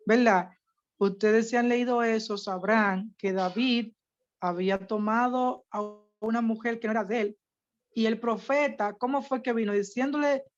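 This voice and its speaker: A woman teaching a Bible study in a casual, animated way, often checking that her listeners understand. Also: medium pitch, muffled recording.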